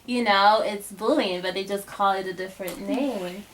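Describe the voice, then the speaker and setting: A woman's voice: mid-range voice, normal speed, a bit bright, low-quality recording. A young woman giving a casual motivational talk to a group of girls, chatty, with many fillers and restarts. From Bahamas. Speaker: guest speaker to a girls' group.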